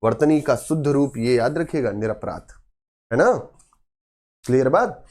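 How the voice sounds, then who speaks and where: A man's voice: medium pitch, lively intonation, measured pace, a little mellow. A man teaching a grammar lesson for exam students, quizzing his class and answering himself, repeating key words with emphasis.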